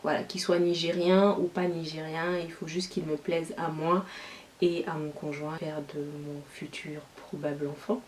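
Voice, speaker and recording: A woman's voice: deep voice, flat delivery, moderate pace, a little mellow. A woman from Niger with a light Nigerien French accent, chatting casually as a YouTuber at home and answering questions with frequent filler phrases. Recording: distant mic with faint hiss.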